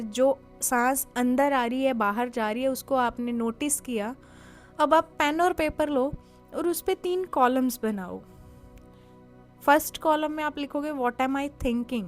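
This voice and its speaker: Woman, high voice, motivational speaker, chatty, poses questions to the listener, soft music underneath. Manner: conversational, asks the listener rhetorical questions; gives calm step-by-step guidance. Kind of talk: motivational talk.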